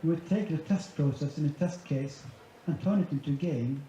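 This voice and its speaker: A man's voice: on the high side, moderate pace, warm tone, slight background noise. A man giving a conference presentation, laying out his points methodically one by one. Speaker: conference speaker. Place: large conference hall. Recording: echoey hall, dull sound, faint ambience.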